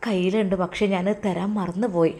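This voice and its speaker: Woman voicing a soft-spoken worried old mother. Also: on the low side, fairly even intonation, brisk, close to an everyday voice. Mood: worried, pleading. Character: elderly mother, worried and gentle.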